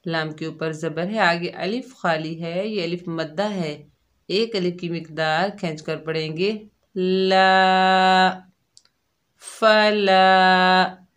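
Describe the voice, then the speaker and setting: A woman teaching Quran recitation rules step by step, explaining each letter patiently and then chanting the syllables drawn out and louder. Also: on the low side, fairly even intonation, slow pace. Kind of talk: tajweed lesson, slow syllable drills.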